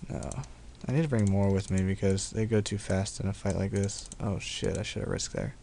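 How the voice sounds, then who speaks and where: A man's voice: lowish voice, level tone, a little fast, gravelly, mellow, slight background noise. A young man giving casual, profane gameplay commentary at his computer, laid-back and laughing often. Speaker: gaming video host.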